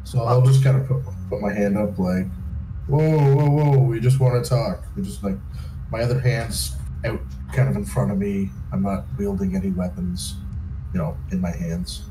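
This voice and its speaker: Guy playing dnd, lowish voice, kinda halting, echoey room w hiss. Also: steady tone. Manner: halting, role-plays in character. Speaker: player. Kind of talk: casual tabletop role-play. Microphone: camera mic off in the distance.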